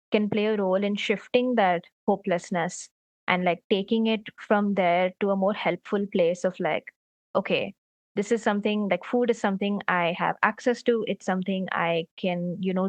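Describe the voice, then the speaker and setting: Young woman guest, thoughtful and rambling, average pitch, dry sound. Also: no echo. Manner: reflective, thinking aloud with frequent "like". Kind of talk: interview conversation.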